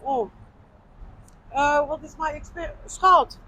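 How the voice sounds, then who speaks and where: A woman's voice: high voice, takes it slowly, sharp tone, a little hiss or hum, rough recording. A woman with a Dutch accent, answering in short, simple phrases and sounding unsure of her English. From Netherlands. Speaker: interviewee. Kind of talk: casual street interview.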